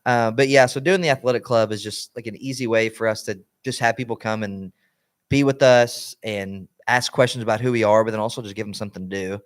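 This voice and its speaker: Man, low voice, casual podcast chat, rambling, lots of fillers. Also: brisk. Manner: rambling storyteller, many fillers and restarts. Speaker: podcast co-host.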